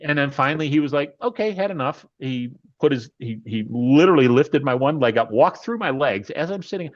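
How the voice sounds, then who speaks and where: A man telling a story about his dog in casual conversation, animated and often restarting his sentences. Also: mid-range voice, a little fast, lo-fi sound. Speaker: dog owner.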